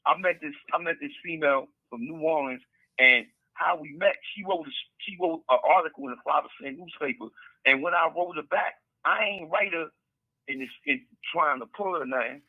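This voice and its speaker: A man's voice: fairly high pitch, normal speed, no room sound. A middle-aged man, an interview guest and author, talking over a prison phone call in a loose, rambling way, repeating words and using street slang. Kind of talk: casual storytelling interview. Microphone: prison telephone handset. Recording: tinny prison phone line.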